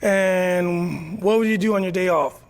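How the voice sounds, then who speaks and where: A man in his thirties from North Carolina, a dating show contestant who talks in a relaxed, hesitant way with ums. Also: sits high, measured pace. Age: 30s. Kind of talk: casual chat.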